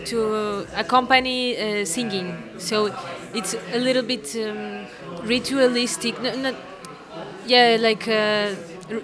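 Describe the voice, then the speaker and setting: Woman, hesitant amateur musician being interviewed, chatter in the background. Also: fairly high pitch. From Portugal. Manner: hesitant, many fillers and restarts. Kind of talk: casual interview answers. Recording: crowd chatter behind.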